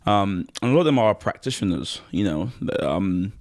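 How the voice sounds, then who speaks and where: A man hosting a casual podcast, talking in an animated way and laughing often, sometimes while eating. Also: deep voice, normal speed, no echo, clean studio sound. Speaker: podcast host.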